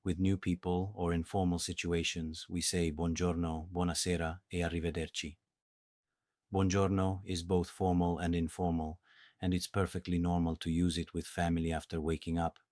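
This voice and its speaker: This beginner language lesson comes from an Italian man whose low-pitched voice carries an Italian accent. He teaches slowly, clearly and patiently in a calm, measured way, recorded in clean studio sound without echo.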